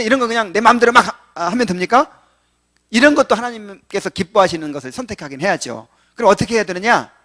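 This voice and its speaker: A male pastor in a slightly higher register gives a catechism sermon in a conversational manner. He keeps asking rhetorical questions, fills pauses with small sounds, and swings from loud emphasis to quiet asides. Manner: many fillers and restarts, swings from loud to quiet.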